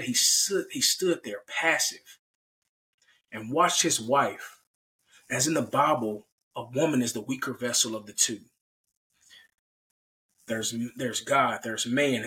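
Bright, animated male podcast host. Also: medium pitch, recorded from a distance, low-quality recording. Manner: animated, with frequent restarts and repeats. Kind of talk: casual Bible talk.

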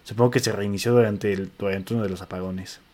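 This relaxed man speaks with a Mexican accent, his voice fairly low and quick. Chatting casually with a friend, he reads posts out loud, restarts often, and drops slangy comments along the way.

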